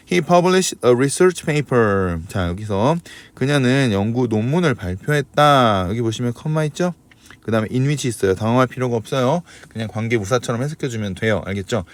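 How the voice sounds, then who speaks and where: A man teaching English grammar in a recorded lecture, asking questions and answering them himself, switching between polite and casual speech. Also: medium pitch. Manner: asks and answers his own questions.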